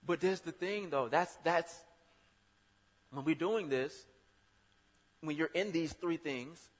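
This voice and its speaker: A man preaching a sermon in a conversational way, breaking into loud, emphatic bursts. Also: on the high side, slow pace. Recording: long hall reverb.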